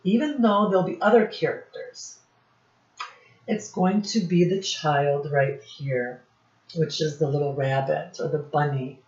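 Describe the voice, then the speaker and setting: With a low, slightly mellow voice, a woman teacher reads aloud from a picture book to young children, phrase by deliberate phrase, quizzing them as she goes. The audio is a muffled, dull lo-fi recording.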